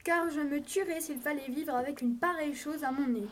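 Wife in a read-aloud tale, greedy and impulsive, voiced by a woman with a very high voice. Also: brisk, a little hiss or hum, close to an everyday voice. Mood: distressed. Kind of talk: storybook reading in parts.

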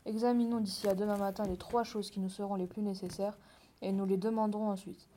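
A woman reading the part of a peasant husband in a fairy tale, in a flat, even way. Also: mid-range voice, fast, natural voice. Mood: reasoning. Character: hot-tempered peasant husband, middle-aged man. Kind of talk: read-aloud fairy tale dialogue.

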